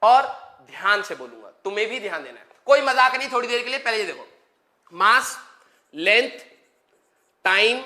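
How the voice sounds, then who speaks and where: During a live online physics class, a male teacher speaks at normal speed in a high, bright, forceful voice, animated but with long pauses. He jokes around with students and slips English terms into what he explains.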